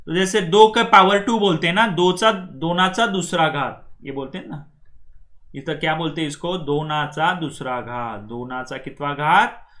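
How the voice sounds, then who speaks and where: A man gives a classroom lesson. His voice is bright and sits a little high. He drills numbers slowly and keeps checking that the class follows. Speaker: language teacher. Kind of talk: classroom lecture.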